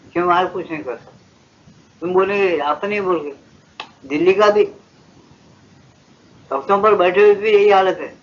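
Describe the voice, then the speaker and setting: A man in his seventies from India, a spiritual teacher giving a devotional discourse, asking rhetorical questions and swinging between loud and hushed speech. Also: a little high, slight background noise. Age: 70s. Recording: muffled old lo-fi tape.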